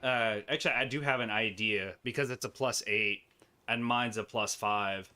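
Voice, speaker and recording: A man's voice: on the low side, normal speed, bright, forceful tone, smooth. A man giving rambling, joking commentary to himself while playing a game. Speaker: gameplay streamer. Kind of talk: casual gameplay commentary.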